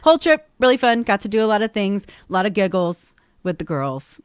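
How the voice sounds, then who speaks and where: A woman's voice: mid-range voice, very animated, fairly quick, smooth, no echo, studio quality. A woman co-hosting a radio show in casual chat, laughing often and poking fun at herself. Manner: chatty, laughs often, self-deprecating.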